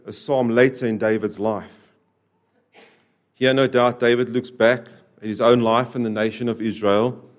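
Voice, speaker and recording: Here a mid-range male voice preaches a sermon at a church service. He returns to key phrases repeatedly, shifting between forceful, loud lines and endings that fall off quietly.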